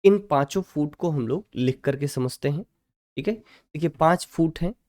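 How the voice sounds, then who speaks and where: A man teaching an English literature lesson in Hindi mixed with English. He keeps checking with his students and slows right down to dictate definitions. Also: on the high side, a little mellow. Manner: mixes Hindi and English, keeps asking "ठीक है".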